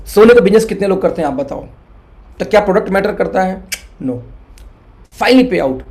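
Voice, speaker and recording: A man's voice: sits high, a little mellow. A middle-aged man from India, an earnest, persuasive network marketing mentor who mixes English words into his Hindi and addresses listeners as friends. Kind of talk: motivational business talk.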